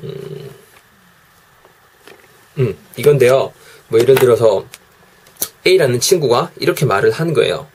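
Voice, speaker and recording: A man teaching English expressions in a daily video lesson, explaining gently and repeating each phrase slowly. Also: mid-range voice, expressive, slight background noise.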